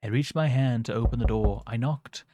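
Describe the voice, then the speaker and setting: A man's voice: mid-range voice, moderate pace, dark tone, slight background noise. A man hosting a game playthrough, reading the story aloud dramatically with wry, sarcastic asides. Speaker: gaming host reading aloud.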